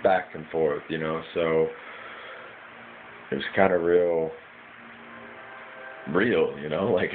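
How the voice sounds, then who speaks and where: An American man in a casual, rambling recounting of his dreams, hazy and puzzled as he gropes to remember. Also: extremely low pitch. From United States, Michigan. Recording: muffled lo-fi with clear background noise.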